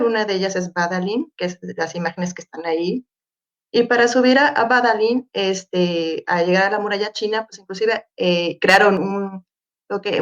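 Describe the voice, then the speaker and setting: A woman with a Mexican Spanish accent presents at an online academic panel, pausing often and filling gaps with hesitations. Her voice sits at a middle pitch. The sound is muffled and lo-fi, as from a video call. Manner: hesitant, many fillers and restarts. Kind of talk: conference presentation with slides.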